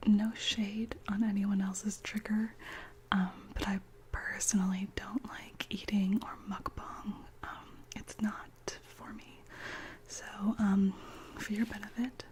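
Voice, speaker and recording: A woman whispering gently as an ASMR channel host, chatting slowly with many soft pauses. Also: medium pitch, slight background noise.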